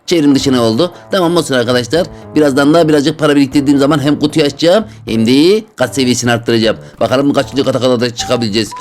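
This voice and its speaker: A young man doing excitable gameplay commentary, talking to his viewers and yelping high when his character falls. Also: fast, few pauses, soft background music. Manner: talks to viewers. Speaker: gaming YouTuber.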